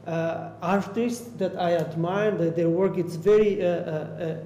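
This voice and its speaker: In a panel discussion in an art gallery room, a hesitant young Albanian artist, a native Romani speaker, talks into a stand mic with frequent fillers and repeated words. His high-pitched, mellow voice holds a steady tone at a measured pace. The hall echoes, and there's faint noise.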